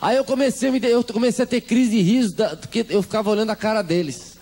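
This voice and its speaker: A man's voice: sits high, fast, a little mellow. A man with a Brazilian Portuguese accent gives a humorous testimony to a congregation, acting out the voices of the people in his story. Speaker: church testimony speaker.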